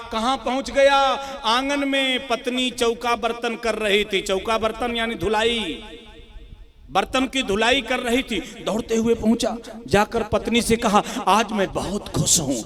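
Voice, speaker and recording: A man's voice: very high voice, fairly bright tone. A man from India preaching a Ram Katha, telling stories with acted dialogue and breaking into sung devotional verses. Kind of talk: devotional storytelling sermon.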